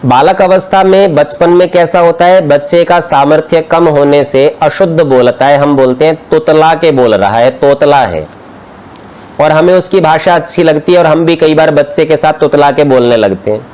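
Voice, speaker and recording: A man's voice: on the high side, darkish tone. A man giving a scripture study lesson, explaining terms one at a time with everyday examples. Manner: explains slowly, term by term, with examples. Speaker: religious teacher. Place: outdoor courtyard class.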